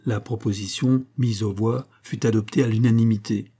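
A man narrating a classic short story in a measured, expressive storytelling manner. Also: on the low side, breathy edge. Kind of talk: literary audiobook reading.

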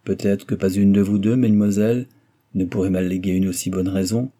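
A man's voice: deep voice, steady tone, brisk, mellow. A man doing a witty, teasing old doctor. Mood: informing. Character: witty older male doctor, teasing and dry.

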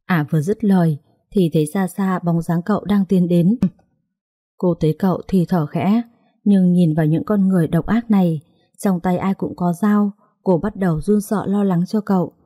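A woman narrating a dramatic story in a steady, dramatic reading. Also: lowish voice, moderate pace, dry recording, studio quality.

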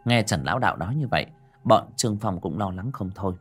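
Male horror-fantasy narrator. Low register, highly animated dramatic reading over background music. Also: fast, slightly rough. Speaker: audiobook narrator.

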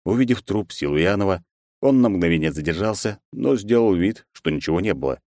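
A man narrating an audiobook in a steady, measured reading. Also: low-pitched, no echo, studio quality. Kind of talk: scripted narration.

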